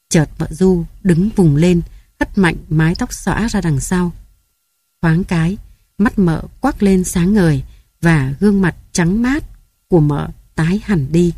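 A woman narrating a literary story in a slow, measured, solemn way. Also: on the low side, warm tone, husky, no room sound, clean studio sound.

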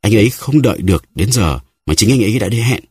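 A man's voice: on the low side, lively intonation, quick pace, a little mellow, breathy edge, dry recording, studio quality, pitched above the performer's own voice. A man voicing a frightened, heartbroken young chambermaid who whispers anxiously in an audiobook.

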